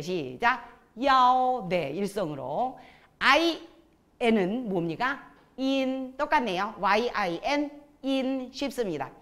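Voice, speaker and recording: A woman's voice: mid-range voice, a bit bright. A woman teaching a pronunciation lesson, calling out sounds and cues for students to repeat. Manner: calls out drills with cues to repeat. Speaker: Chinese language teacher.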